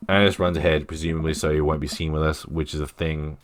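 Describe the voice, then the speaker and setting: A man streaming a dating game, reading its dialogue aloud with playful, jokey commentary and quick character voices. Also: very deep voice, flat delivery. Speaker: streamer playing a dating sim.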